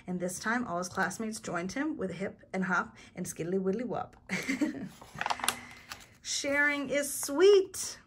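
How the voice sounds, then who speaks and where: A woman teacher reading a picture book aloud to children, animated and asking her listeners questions. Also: fairly low pitch, normal speed, few pauses, a little hiss or hum.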